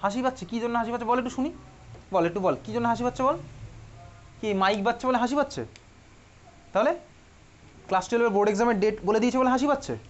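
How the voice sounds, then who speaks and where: In a dull, lo-fi classroom recording, a man with a Bengali accent lectures a chemistry class in a chatty, teasing way, often asking the students questions. His voice is very high-pitched and quick, with frequent pauses.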